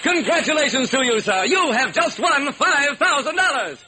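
An actor playing a brash, booming radio show announcer in a 1940s radio drama. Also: male voice, animated, normal speed, pushed and bright, a little hiss or hum, full character voice. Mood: exuberant. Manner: brash, booming salesman patter.

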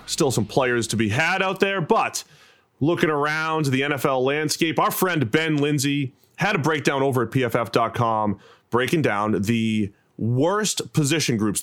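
A man's voice: a little high, fairly bright tone. An American man hosting a sports podcast, talking through football analysis conversationally.

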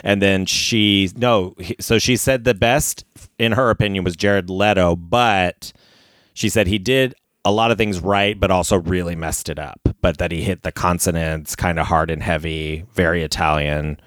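A man with a low voice talks in a loose, casual chat. He hesitates often, reaching for words with "um" and restarting his sentences. The recording is close and dry. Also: fairly even intonation, normal speed, fairly bright tone, dry recording. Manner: hesitant, many fillers and self-corrections.

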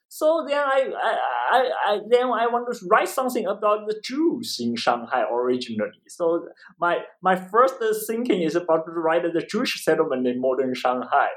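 A history professor and author from eastern China, speaking with a Chinese accent in a high, lively voice, explains things conversationally as an interview guest. He talks at normal speed, repeats phrases, and often ends statements with "right?".

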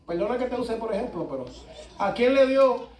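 A man preaching a sermon with fervent, repetitive emphasis that rises to shouting, heard in a church hall. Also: very high-pitched, animated, fairly quick, a little hiss or hum. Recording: echoey church from far off.

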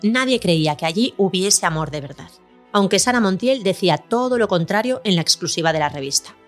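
A woman hosting a podcast, reading a scripted documentary narration in a measured storytelling way. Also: mid-range voice, animated. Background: faint music.

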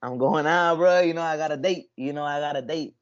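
A man's voice: fairly high pitch, fairly quick. A man chatting casually as a sports podcast panelist, talking like a slangy frat bro and often repeating his phrases. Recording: slightly dull lo-fi sound.

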